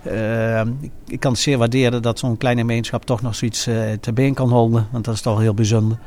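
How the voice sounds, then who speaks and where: A man with a regional eastern Dutch accent reminiscing informally, speaking in a halting way and often pausing mid-sentence. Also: mid-range voice, little pitch movement, a little mellow. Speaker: former carnival prince and innkeeper recounting his carnival.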